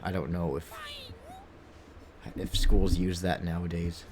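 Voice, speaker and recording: Slow and flat, a low male voice carries a late-twenties video game streamer's casual chat with his viewers. He meanders through anecdotes, acting out quoted remarks, with music and background noise behind him.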